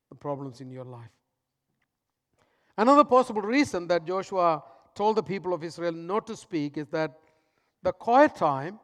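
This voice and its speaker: A man with a high-pitched voice preaching a sermon in a big echoing church hall. He pushes some lines out loudly, then drops others to a near-whisper. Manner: dramatic swings between loud emphasis and hushed, soft lines. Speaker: pastor.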